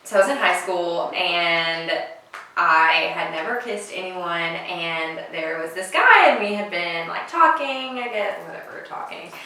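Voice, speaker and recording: A twenty-one-year-old woman telling a story in casual chat, giggly and full of "like", with a far camera mic in a bright dining room. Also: lowish voice, unhurried, heavy reverb. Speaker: co-host.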